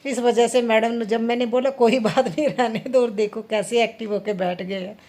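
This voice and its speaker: A woman's voice: a little high, fairly even intonation, normal speed, darkish tone. A woman in her thirties chatting casually to viewers in a home vlog, talking her way through kitchen chores. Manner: chatty, addresses viewers directly. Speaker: vlogger mother.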